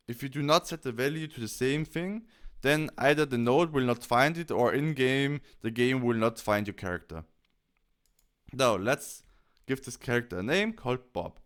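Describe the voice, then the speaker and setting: In a software tutorial voice-over, a man with a mid-range voice explains things step by step using plain, short instructional phrases.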